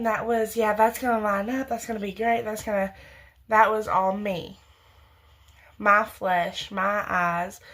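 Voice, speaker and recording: Her voice is medium-pitched and a bit bright: a twenty-something young woman, around twenty, earnestly rambling through faith advice aimed right at viewers. The casual talk to camera is marked by frequent restarts and self-corrections.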